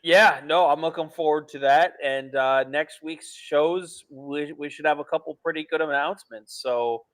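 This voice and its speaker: A man's voice: fairly high pitch, steady tone, moderate pace, fairly bright tone. A man co-hosting a hockey podcast in casual chat, often laughing, with hesitant fillers. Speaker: podcast co-host.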